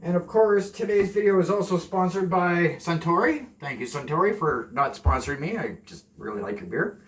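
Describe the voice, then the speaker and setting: A Canadian home cooking vlogger in his forties rambles cheerfully as he cooks, making jokey asides, poking fun at himself, and admitting he's nervous on camera. His slightly high voice is animated and moves at a normal speed. The camera sits a few steps away in a small home kitchen, giving a roomy, distant sound with a faint hiss underneath.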